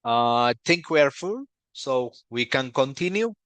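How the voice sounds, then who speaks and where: A man from Ethiopia hosting a video call meeting and presenting, friendly and halting with many fillers and restarts. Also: medium pitch, animated, fairly bright tone, no echo. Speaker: meeting host, company founder.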